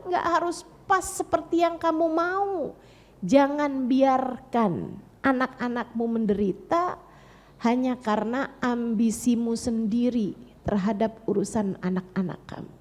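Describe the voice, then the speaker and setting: A woman's voice: high voice, a little mellow, muffled recording. A woman preacher giving a sermon in an informal, conversational way, speaking directly to mothers and repeating key phrases for emphasis. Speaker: Islamic preacher. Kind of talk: sermon to an audience.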